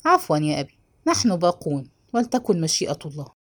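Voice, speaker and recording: A grown son answers calm and firm in a storybook reading, as a woman gives him voice. His voice sits lower than the narration, steady and respectful. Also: quick pace.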